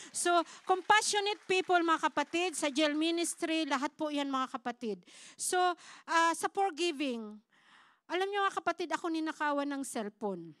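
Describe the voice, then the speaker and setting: A woman's voice: sits high, a bit bright, dry recording, clean studio sound. A woman pastor preaching a sermon as a personal testimony, acting out quoted dialogue and often calling the congregation brothers and sisters. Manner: addresses the congregation as "mga kapatid"; storytelling with acted-out quoted dialogue. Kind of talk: Tagalog sermon testimony, mixing in English. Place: church.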